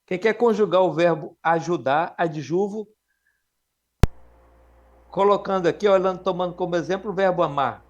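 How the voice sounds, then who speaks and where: A Brazilian man with a notably high voice leads a live classroom lesson. He drills his students patiently with questions and slows down to sound out each word for them to repeat. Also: highs cut off, slight background noise. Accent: Brazilian Portuguese. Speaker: Latin teacher.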